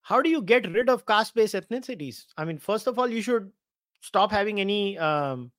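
Indian accent guy doing live commentary, kinda high voice, sarcastic n opinionated, really dry sound. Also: animated, moderate pace, fairly bright tone, dry recording. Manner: opinionated, sardonic, emphatic. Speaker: host of a commentary live stream. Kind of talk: casual live commentary, reading out quotes and answering viewers.

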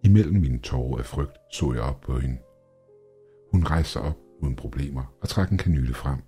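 A man reading a scripted horror story aloud, with tense, measured storytelling. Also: extremely low pitch, mellow, faint music behind. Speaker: horror podcast narrator.

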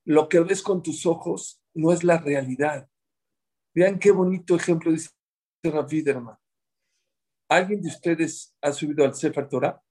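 High-voiced man teaching a religious class. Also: normal speed, a little mellow. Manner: explanatory, asks the group questions and answers himself. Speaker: rabbi teaching a Torah class. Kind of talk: religious class talk to a small group.

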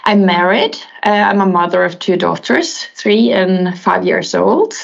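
Norwegian woman guest, creaky, hesitant. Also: fairly low pitch, measured pace, lo-fi sound. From Norway. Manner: hesitant, many fillers, laughs lightly. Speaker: podcast guest. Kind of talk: casual interview talk.

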